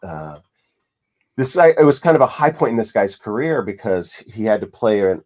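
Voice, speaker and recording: A man with a lowish voice talks casually as a podcast host. He tells stories in a loose, meandering way, circling back and restarting his sentences. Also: normal speed. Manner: relaxed storytelling with many restarts and fillers. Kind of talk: casual conversation.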